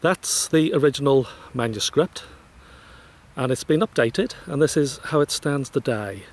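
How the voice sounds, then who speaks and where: A man's voice: medium pitch, expressive, unhurried. A man interviewing a guest in a polite, hesitant way, with many fillers. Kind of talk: conversational interview.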